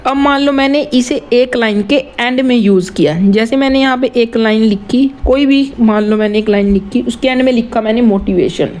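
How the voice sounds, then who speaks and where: A man explaining rap writing in a casual tutorial, often repeating words slowly to split them into syllables and mixing English terms into his Hindi. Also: extremely high pitch, a little mellow.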